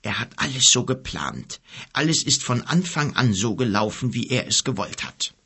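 A man voicing an old, weary wizard in an audiobook, speaking slowly and low, sometimes half in a whisper, with a husky, gravelly voice. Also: very animated, exaggerated voice. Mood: remorseful. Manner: slow, low and hushed, half-whispered at times. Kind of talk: audiobook character reading.

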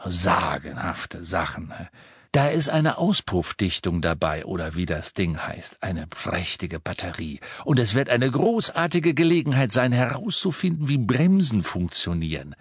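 A man's voice: low voice, very animated, slightly rough, dry recording, studio quality, exaggerated voice. A man voicing a fretful middle-aged wizard father who talks hesitantly in an audiobook. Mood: sheepish. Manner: hesitant, sheepish, halting.

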